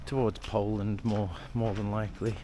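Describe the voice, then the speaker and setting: A man's voice: on the low side, flat delivery, normal speed. Rambling Australian man on a street walk. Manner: rambling, laid-back, swears casually. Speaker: travel vlogger. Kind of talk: casual rambling walk-and-talk. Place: outdoors, old-town streets. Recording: clear street and traffic noise.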